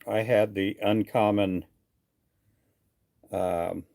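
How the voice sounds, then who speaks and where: This middle-aged Texan speaks extremely slowly with vocal fry, his fairly low voice keeping a steady tone. He rambles casually through viewer comments on a fishing livestream, filling gaps with lots of fillers, while heavy background noise intrudes.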